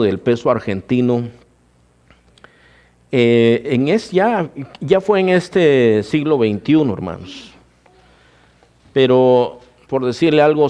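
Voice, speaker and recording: Man preaching, leaning on slow numbers. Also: medium pitch, darkish tone. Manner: addresses the congregation as "hermanos" often, asks rhetorical questions; slows down to stress numbers. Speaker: pastor. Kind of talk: sermon. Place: church.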